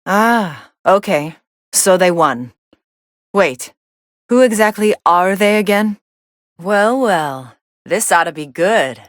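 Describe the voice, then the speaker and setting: A woman's voice: medium pitch, expressive, takes it slowly, pauses often, no echo. A woman playing a cool, sardonic young female android fighter commentating matches in an anime video game, with a dry, sarcastic delivery. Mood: wry, coolly amused.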